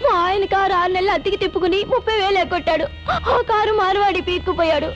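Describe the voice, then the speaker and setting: A pleading, distressed wife. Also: female voice, extremely high pitch, steady tone, rapid-fire. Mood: plaintive. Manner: imploring and plaintive. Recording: muffled film soundtrack with loud music.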